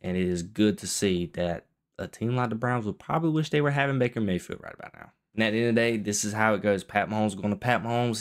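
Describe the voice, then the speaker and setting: A young man with a somewhat low voice talks through a football game like a casual vlogger. He keeps his delivery restrained, as someone quiet at night while the house sleeps. He often circles back to repeat a point in slightly different words. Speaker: sports vlogger.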